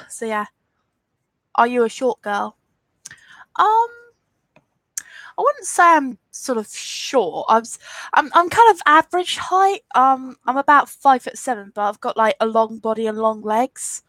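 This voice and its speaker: Her pitch is fairly high and her tone fairly bright, and she's very animated, speaking a little slowly with frequent pauses. She's a sniffly English YouTuber in her twenties with an Essex accent, chatting loosely on a live stream, reading comments and defiantly answering trolls. No room sound is audible.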